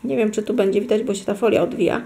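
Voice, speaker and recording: At home at a table indoors, a middle-aged woman vlogger shows her fridge magnet souvenirs in a casual, chatty unboxing vlog, rambling, correcting herself, and addressing viewers directly. Her mid-range voice is mellow with vocal fry, fairly even in intonation, and rapid-fire.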